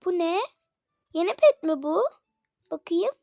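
High-voiced woman in chatty game commentary. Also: measured pace, creaky, dry recording, soft background music. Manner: chatty, addresses viewers often, excitable exclamations. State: slightly unwell. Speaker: gaming channel host. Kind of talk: casual gameplay commentary. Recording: dull lo-fi dry recording.

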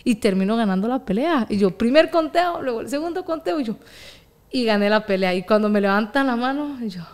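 A woman's voice: a little high, fairly quick. Laughing young Costa Rican woman. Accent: Costa Rican Spanish. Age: young adult. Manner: animated, laughs often, acts out quoted voices. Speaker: guest, boxing champion. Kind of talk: casual interview storytelling.

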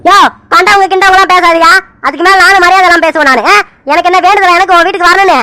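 A woman's voice: extremely high pitch, fairly even intonation, racing, bright, forceful tone, no room sound. A woman voicing an angry, stubborn old grandfather in a cartoon serial who scolds and barks demands. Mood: scolding. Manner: scolding, keeps barking "ah?" demands.

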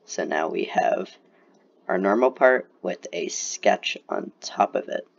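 A young man with a very low, gravelly voice walks through a software tutorial at an unhurried pace. He sounds a bit sick and talks casually, full of ums and likes. The recording is dull and lo-fi. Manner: casual, relaxed, filler-heavy explaining. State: sick, slightly congested. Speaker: CAD tutorial presenter.

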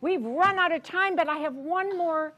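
The recording is muffled: an American woman in her 60s, with a very high, slightly bright voice at normal speed, reads a picture book to little ones. Inside a carpeted library program room, she keeps story time interactive with a sing-song, teacherly style and frequent questions.

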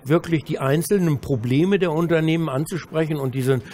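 A man moderating a panel discussion on a trade fair stage, asking questions and cutting in with quick, teasing remarks. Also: fairly high pitch, dark tone, slight background noise. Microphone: handheld mic.

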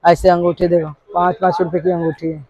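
A wholesale shopkeeper in a crowded indoor cosmetics shop gives a vlogger a sales pitch, briskly and repetitively rattling off prices. His voice is high-pitched yet flat and dark, and the sound is lo-fi.

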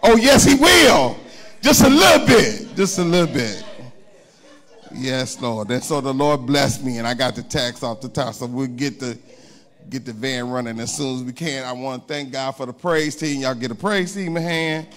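Holding a microphone in the sanctuary, a middle-aged pastor delivers a conversational sermon, chatting with his congregation and throwing in call-and-response asides. He speaks at normal speed in an expressive, mid-range voice that's a bit bright.

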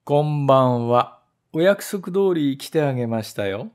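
A man's voice: very animated, unhurried, a little mellow. A man voicing a sly, ungrateful little male mouse who talks down to others and wails shrilly when wronged. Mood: smug. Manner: smug and condescending, turning to shrill wailing.

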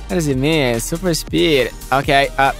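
A gameplay host giving excitable commentary, shrieking and pleading in runs of repeated words, with frequent giggling. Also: medium pitch, normal speed, vocal fry, soft background music.

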